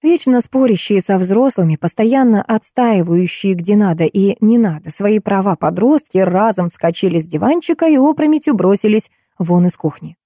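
A woman narrating a comic detective audiobook in the first person, with a lively, expressive delivery. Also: mid-range voice, normal speed, few pauses, dry recording, studio quality.

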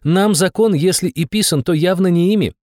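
A man's voice: high voice, brisk, a little mellow, dry recording, clean studio sound, voice pushed up, natural voice. A man voicing a bossy red-haired young female aristocrat mage with a haughty, commanding manner.

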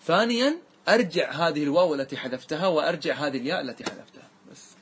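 A man teaching a grammar lesson to a class, quizzing students with quick questions and reciting verses slowly and drawn-out. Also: a little high, animated, a bit bright, a little hiss or hum.

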